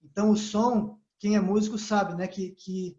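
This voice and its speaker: A man giving a calm spiritual lesson, often checking in with his listeners as he explains. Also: high-pitched, moderate pace. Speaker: yoga teacher. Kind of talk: spiritual talk. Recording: echoey, slightly dull sound.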